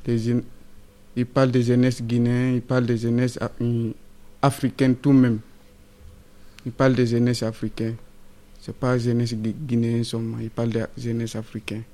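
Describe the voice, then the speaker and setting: A sixteen-year-old young man from Guinea whose first language is Fula, answering radio interview questions in a halting way, searching for words and repeating himself. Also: mid-range voice, monotone, warm tone. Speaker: student guest.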